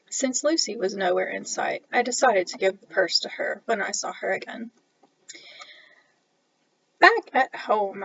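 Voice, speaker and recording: Gravelly-voiced woman reading her story. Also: mid-range voice, no echo. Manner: animated, playful storytelling. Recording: dull lo-fi recording.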